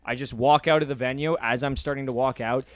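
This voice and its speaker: A man, hosting a podcast and telling a long story in a casual, animated way, acting out the people he quotes. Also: medium pitch, brisk, no room sound. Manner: animated, acts out quoted people in loud voices. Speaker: podcast host.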